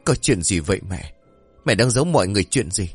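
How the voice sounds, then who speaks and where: A man's voice: lowish voice, very animated, fast talker, husky, soft background music, full character voice. A man voicing an anxious young daughter who speaks in a sobbing, urgent way.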